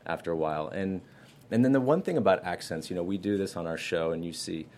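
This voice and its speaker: Low-voiced male guest, easygoing and chatty. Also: fast, slight background noise. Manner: relaxed, rambling, chatty with fillers. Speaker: guest actor. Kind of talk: casual interview.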